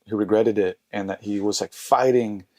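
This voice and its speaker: A man's voice: on the low side, steady tone, normal speed, mellow, no room sound. A man hosting a casual podcast interview, laid-back and swearing freely as he talks. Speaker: podcast host.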